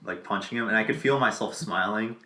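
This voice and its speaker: A young man in his twenties tells rambling, profane stories with a laugh in his voice. His tone is bright and forceful, and the room gives it a noticeable echo. His pitch sits a little low. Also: brisk. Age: 20s. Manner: crude, laughing storyteller. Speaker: podcast host. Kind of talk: casual chat.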